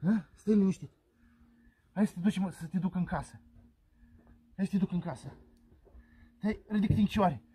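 A man in an amateur comedy sketch, loudly bossing someone around and often bursting into laughter, outdoors in a rural yard. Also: sits high, long pauses, breathy edge. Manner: loud, bossy, laughing.

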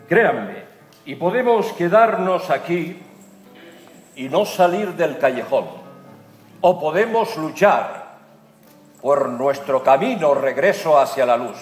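A middle-aged man, giving a rally speech as a solemn, epic dramatic narration with deliberate pauses. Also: a little high. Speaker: speaker at a political rally. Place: large dark auditorium with a seated audience. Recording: echoey hall from far off, music behind. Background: music.

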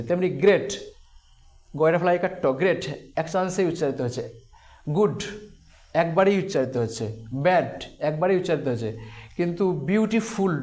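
A man with a fairly high voice teaches a grammar lesson. He takes it slowly, repeating each term and breaking words into syllables, and he asks questions and then answers them himself. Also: darkish tone.

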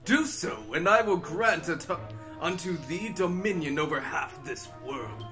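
A man's voice: fairly high pitch, lively intonation, measured pace, over music. A man playing a pompous villainous Dragon Lord. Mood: grand menace. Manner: archaic, pompous speech. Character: menacing male Dragon Lord villain, grand.

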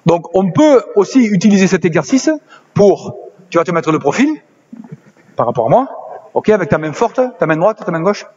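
A man coaching basketball players on court, directing drills with quick commands and encouragement. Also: high-pitched, lively intonation, a little mellow. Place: indoor basketball gym. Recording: slightly dull lo-fi sound with faint noise.

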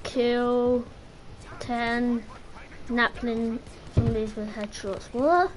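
A woman gamer with a fairly high, unhurried voice gives casual, chatty gameplay commentary, joking and talking to herself as she plays. There is slight background noise.

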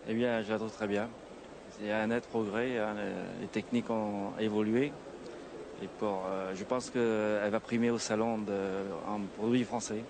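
A man's voice: lowish voice, level tone, moderate pace, background noise. A man visiting a car show, giving a plain, hesitant opinion into a reporter's microphone.

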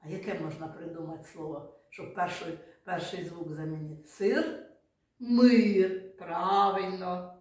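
A woman teaching a literacy lesson to small children, talking in a drawn-out, coaxing way and praising them often. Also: fairly low pitch, fairly even intonation. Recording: echoey room, voice far from the mic.

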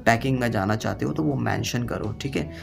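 A man's voice: medium pitch, fairly quick, creaky, faint music behind. A man giving a voice-over walkthrough, urging and reassuring viewers and repeating steps. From Pakistan. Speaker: job-info YouTuber. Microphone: voice-over, not recorded on site.

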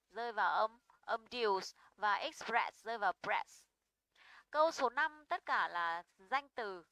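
Bright, crisp young woman teacher. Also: a little high, dry recording, rough recording. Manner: patient, checks in with students often. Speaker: English teacher. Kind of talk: online English pronunciation lesson.

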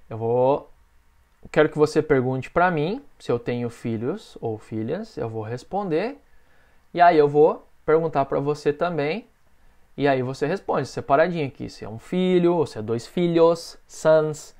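Brazilian male English teacher for beginners, patient and repetitive, voice sits a bit high. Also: lively intonation, darkish tone. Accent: Brazilian Portuguese. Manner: patient, drills phrases with slow spoken models. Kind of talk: online English lesson for beginners.

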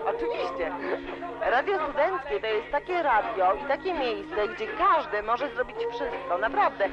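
Heard on a worn, lo-fi cassette, a woman in her twenties with a fairly high, very animated voice talks a little slowly as a student radio interviewee. She rambles emotionally and keeps using "you know", while loud music and a loud crowd fill the student club party.

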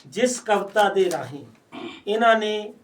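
A man's voice: high-pitched, animated, measured pace, far from the mic, a little hiss or hum. A man interviewing a poet in a casual talk, often putting in short agreeing replies.

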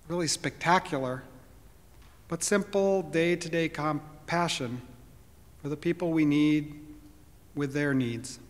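Older male pastor preaching in a reverberant church. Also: a little high. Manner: earnest, reflective preaching with occasional soft laughs. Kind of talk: sermon. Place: church sanctuary, at a wooden pulpit. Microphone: pulpit microphone.

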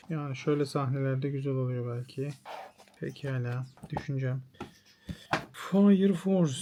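A man's voice: fairly high pitch, noisy background. A man, a manga artist, thinks aloud while browsing pages, musing in short, clipped verdicts.

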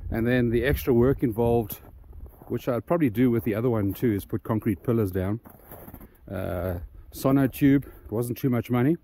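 A man's voice: mid-range voice, moderate pace, dark tone, slight background noise. A man walking through his homemade solar panel mount outdoors, rambling with many ums and restarts, a bit out of breath. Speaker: DIY solar channel host. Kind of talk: casual walkthrough vlog.

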